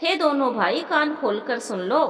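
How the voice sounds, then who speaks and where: A woman voicing a stern, sharp-tongued old village mother-in-law with a Rajasthani accent, in a storybook narration. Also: sits high, animated, normal speed. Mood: scolding. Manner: scolding, blunt village dialect. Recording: roomy with long reverb.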